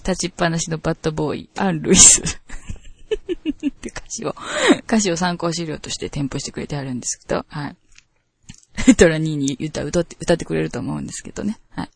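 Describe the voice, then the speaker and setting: A woman's voice: low voice, fairly even intonation, a little fast, creaky, no room sound. A woman with a Kansai accent hosting a casual radio show, reading listener mail in a chatty, laughing way. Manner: chatty, laughs often, self-conscious. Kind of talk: casual talk radio chat.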